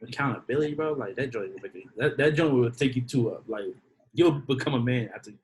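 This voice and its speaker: A man in his twenties, a podcast guest in casual chat, laid-back and slangy and quick to poke fun at himself. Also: medium pitch, slight background noise, poor audio. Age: 20s.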